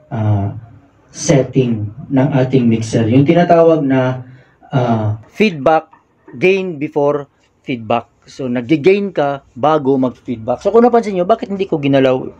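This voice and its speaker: Filipino-style tech vlogger, slightly high voice. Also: male voice, highs cut off. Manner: explains step by step, shouting test calls into the mic. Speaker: audio equipment vlogger. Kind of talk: casual how-to demonstration. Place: small room with a mixer and speaker.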